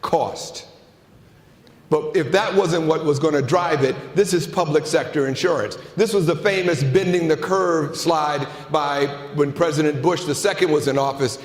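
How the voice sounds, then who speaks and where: A man's voice: fairly high pitch, moderate pace, few pauses. A man giving an emphatic conference keynote in a large hall, repeating phrases for effect and asking rhetorical questions. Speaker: keynote speaker. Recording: echoey hall, long reverb.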